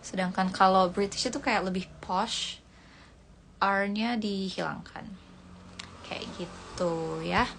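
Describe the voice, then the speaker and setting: A woman's voice: mid-range voice, takes it slowly, gravelly, pauses often, a bit bright. A woman teaching English words on a casual livestream, repeating each word and explaining it, her voice dry and cracking. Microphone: phone livestream. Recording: faint background noise.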